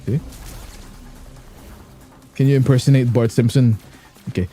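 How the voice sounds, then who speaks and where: A man's voice: medium pitch, lively intonation, brisk, warm tone, soft background music. A man streaming a game, chatting casually and joking, boasting about his accent skills. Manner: joking, rambling, self-boasting. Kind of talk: casual gameplay commentary.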